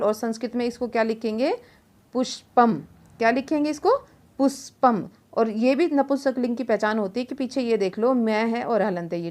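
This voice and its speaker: A woman's voice: a little high, darkish tone. A young woman teaching a class online, explaining step by step, asking questions and answering them herself, with a frequent "okay?" to check that students follow. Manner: says "ठीक है" often to check understanding.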